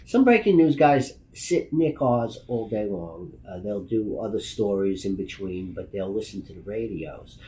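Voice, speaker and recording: His pitch fairly low and his tone dark, a veteran news photographer from Brooklyn, in his fifties, speaks at normal speed with lively intonation and few pauses. The emphatic, plain-spoken documentary interview about his experiences, New York accent clear, was recorded poorly in an indoor meeting room with slight noise.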